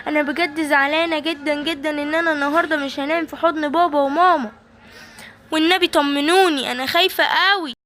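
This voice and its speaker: Woman voicing a frightened little Egyptian girl, whiny and pleading, in a toy play video; high voice. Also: fairly even intonation, quick pace, a bit bright. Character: scared little ballerina girl.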